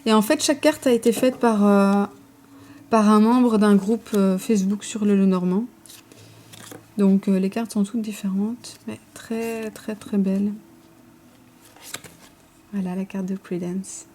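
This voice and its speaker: A woman talks through her collection in a casual, rambling way. Her voice is mellow and warm, full of little fillers and self-corrections. Faint noise sits under the recording. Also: mid-range voice, fairly even intonation, unhurried, long pauses. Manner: chatty, hesitant, many fillers and self-corrections. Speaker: vlogger showing her tarot collection. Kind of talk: casual show-and-tell.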